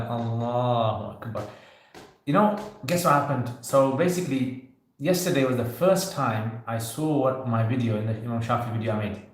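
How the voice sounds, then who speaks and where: A man in his thirties hosting a casual livestream Q&A, talking loosely and joking with viewers. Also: medium pitch. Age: 30s. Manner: conversational, loose, with frequent "you know" and light joking. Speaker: livestream host answering viewer questions. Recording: very echoey room.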